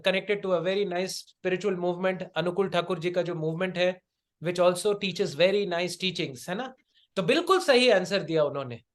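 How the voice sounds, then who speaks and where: With a high, fairly bright voice, a man with an Indian accent leads an interactive spiritual lecture, coaching a group. He teaches by asking rhetorical questions and moves back and forth between Hindi and English.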